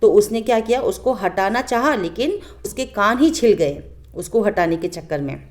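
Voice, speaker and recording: A woman teacher explaining a children's story lesson with animated storytelling, turning often to ask her pupils questions. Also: mid-range voice, normal speed.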